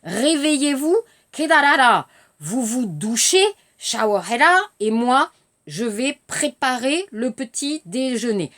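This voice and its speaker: A woman teaching a lesson, speaking slowly and clearly and mixing in Korean glosses. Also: a little high, animated, a bit bright. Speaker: French teacher. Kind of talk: language lesson.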